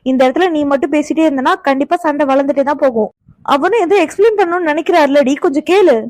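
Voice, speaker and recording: Woman doing a bossy cartoon friend, high voice, talks super fast. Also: darkish tone, dry recording, lightly acted. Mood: urging. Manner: firm, scolding. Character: young woman friend, scolding peacemaker. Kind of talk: cartoon voice acting.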